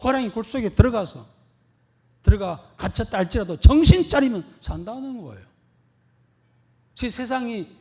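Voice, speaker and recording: A man who is the senior pastor, preaching a sermon emphatically with rhetorical questions and repeated key words. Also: high voice.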